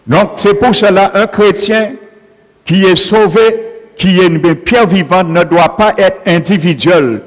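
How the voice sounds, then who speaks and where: A man's voice: high voice, measured pace. A man preaching a sermon, punctuating his points with repeated calls of alleluia. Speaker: pastor. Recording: long hall reverb.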